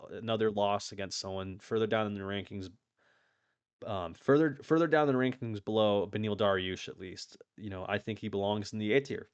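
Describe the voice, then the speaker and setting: A man's voice: fairly low pitch, clean tone, no room sound, dull audio. A man giving casual, opinionated commentary on fighters, talking in a rambling way with lots of swearing and restarts. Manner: rambling, profane, frequent restarts. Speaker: YouTube MMA commentator.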